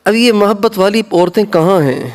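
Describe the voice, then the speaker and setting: A male Islamic preacher with a Pakistani Urdu accent, giving an emphatic sermon to women and repeating his points for stress. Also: sits high. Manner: repetitive, emphatic, rising for stress.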